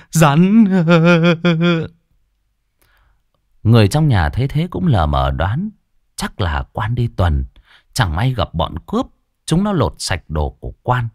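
A man's voice: on the low side, no echo, studio quality. A man narrating a horror folk tale in a dramatic storytelling style. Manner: animated, swooping delivery. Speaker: audiobook narrator.

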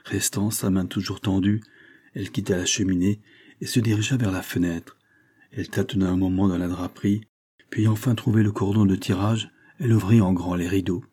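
A man reading a classic novel aloud as narrator, in a measured, even storytelling manner. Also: low voice, slightly rough. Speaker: audiobook narrator.

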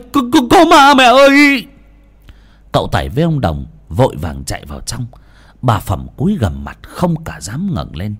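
Male storyteller, lowish voice, dramatic swings, ghost tale reading. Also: mellow, breathy edge. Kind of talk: scripted ghost story narration.

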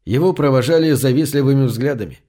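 A man narrating a science fiction story in a steady, measured audiobook reading. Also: medium pitch.

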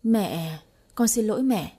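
A woman's voice: mid-range voice, animated, measured pace, dark tone. A woman voicing a timid, frightened young woman who stammers and pleads, in an audiobook reading. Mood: pleading.

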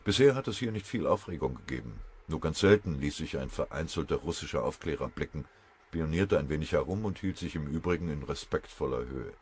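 A man narrating a war novel as an audiobook in a measured, dramatic reading. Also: extremely low pitch, lively intonation, a little mellow, slightly rough.

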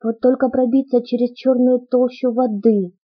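A woman reads an audiobook, telling the story dramatically in the first person. Her voice is slightly husky and breathy, recorded dry and close with a dull, lo-fi sound. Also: a little high, level tone, moderate pace, no echo. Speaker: audiobook narrator. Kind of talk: audiobook narration.

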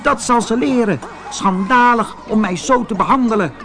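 A man voicing a jittery, forgetful little male space traveler in a storybook, with high, squeaky, panicky cries. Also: normal speed, a bit bright, soft background music. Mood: indignant.

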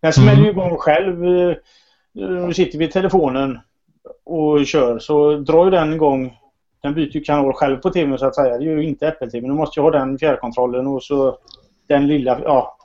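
A man's voice: a little high, warm tone. A man co-hosting a casual podcast, laid-back and joking with crude asides. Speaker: podcast co-host. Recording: dull lo-fi podcast audio.

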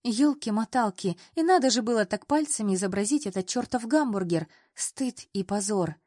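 A woman's voice: mid-range voice, dry recording, clean studio sound, close to an everyday voice. A woman doing a flustered clumsy young woman. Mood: embarrassed. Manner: excitable, embarrassed, quick to protest.

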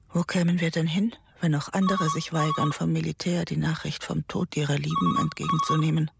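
An actress playing an anxious middle-aged mother who dreads bad news, speaking in a hushed, often half-whispered, tense way in a radio drama. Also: deep voice, creaky, heavy background noise. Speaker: lead character and inner narrator. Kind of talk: German radio drama acting. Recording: loud music bed under studio voice.

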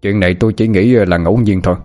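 A man's voice: on the low side, steady tone, fast talker, a little mellow, soft background music, close to an everyday voice. A man voicing a stern old village elder. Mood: grave. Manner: commanding, grave. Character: elderly village grandfather, stern ritual master.

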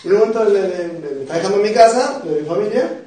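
A man's voice: high voice, animated, quick pace, mellow. A young man with a Rioplatense Argentine accent, preaching to a youth group with jokes, personal stories and questions to the audience. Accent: Rioplatense Argentine Spanish. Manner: joking, emotional storytelling, asks the audience questions. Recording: very echoey room, voice picked up from a distance.

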